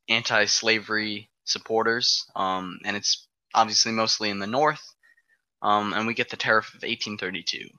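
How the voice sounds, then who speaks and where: Man presenter, very bright and forceful tone, dry close sound, laid-back explainer with ums. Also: lowish voice, no echo, poor audio. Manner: walks through dates step by step, frequent ums. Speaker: presenter of an alternate history timeline. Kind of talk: casual explanatory podcast talk.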